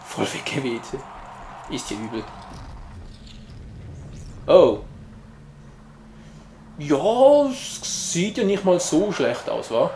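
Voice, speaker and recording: A man's voice: fairly high pitch, sing-song, very slow, pauses often, warm tone, reverberant, a little hiss or hum. A man giving casual, jokey gameplay commentary as a let's player, chatting to his viewers.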